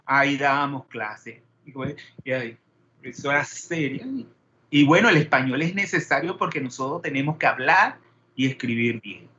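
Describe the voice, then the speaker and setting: A Panamanian man teaches a chemistry class, peppering students with questions and drifting into digressions. His medium-pitched voice is bright and forceful at a moderate pace. The classroom lecture audio is dull, with slight background noise.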